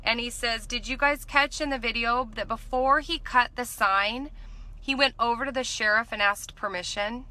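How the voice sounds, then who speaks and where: A woman in her thirties giving an informal recap from notes, earnest and opinionated, with halting moments as she checks them. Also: fairly high pitch, pushed and bright, poor audio. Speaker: vlogger recapping a court trial. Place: inside a parked car at night. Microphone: phone or camera at arm's length.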